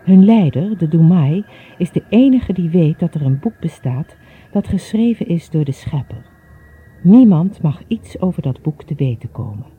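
A man reads a scripted introduction to a story in a measured, announcing way. His voice sits a little high and sounds raspy and breathy. The recording is thin and tinny, like a phone line. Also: animated. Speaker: introduction narrator. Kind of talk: scripted narration.

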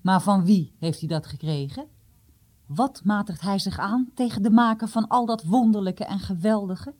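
A storyteller voicing an old, sharp-tongued elder who mocks authority. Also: mid-range voice, normal speed, natural voice. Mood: stern. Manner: mocking, then grave.

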